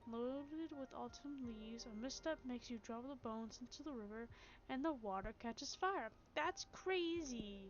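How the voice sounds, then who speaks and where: A woman streaming a narrative game, reading its text aloud and reacting in an animated, giggly way. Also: high-pitched. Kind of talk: game narration and live commentary. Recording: dull lo-fi stream audio with game music.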